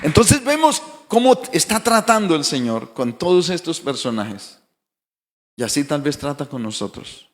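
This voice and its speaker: A man's voice: fairly high pitch, big pitch swings, normal speed, in a large hall. A male pastor preaching a sermon, building emphatic declarations and asking the congregation rhetorical questions. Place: church sanctuary.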